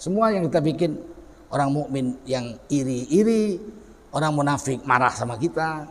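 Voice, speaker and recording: A middle-aged man delivers a lively sermon. He mocks and acts out the people he describes. His voice sits a little high and rings with a long hall reverb. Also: moderate pace. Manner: animated, mocking, acts out quoted people. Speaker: preacher.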